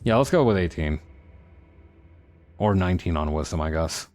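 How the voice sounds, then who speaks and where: Low guy streaming a game, thinking out loud, voice goes up and down a lot. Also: expressive, moderate pace, faint music behind. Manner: musing, thinking aloud. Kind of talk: casual game commentary.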